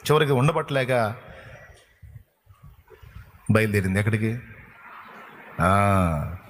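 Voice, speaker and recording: A man's voice: on the low side, lively intonation, slow pace, slight background noise. A male preacher giving a sermon, telling a folksy story in a vivid, emphatic way.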